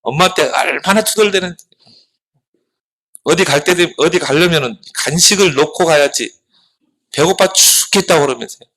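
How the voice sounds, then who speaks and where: A middle-aged man preaching a children's sermon, animated, asking the children questions and answering them himself. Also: fairly high pitch, normal speed, long pauses, rough recording. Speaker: pastor.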